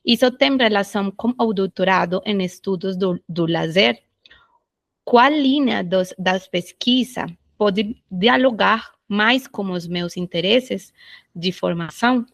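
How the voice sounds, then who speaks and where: A Colombian woman with a Spanish accent, an exchange student asking questions in halting, self-correcting Portuguese. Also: medium pitch, vocal fry, fairly bright tone, dry recording.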